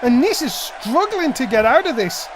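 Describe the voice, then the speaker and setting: High-pitched, excited male wrestling commentator. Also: normal speed, noisy background. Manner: dramatic, exclamatory calls.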